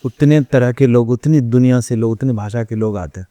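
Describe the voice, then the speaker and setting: A man's voice: mid-range voice, brisk, mellow, no echo. A man being interviewed, telling stories about running a cow shelter. He acts out the questions people put to him and slips English phrases into his speech. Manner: storytelling, acts out quoted questions and replies. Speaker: interview guest, runs an ashram cow shelter. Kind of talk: casual interview conversation.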